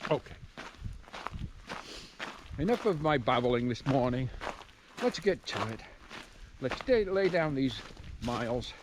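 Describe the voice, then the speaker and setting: A man's voice: mid-range voice, big pitch swings, slow, long pauses. A man talking casually to viewers as he walks outdoors, musing and often interrupting himself in a rambling way. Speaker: hiking vlogger. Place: outdoors, walking on a rural trail and country road. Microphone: handheld camera. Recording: outdoor background noise. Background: outdoor ambience with noise.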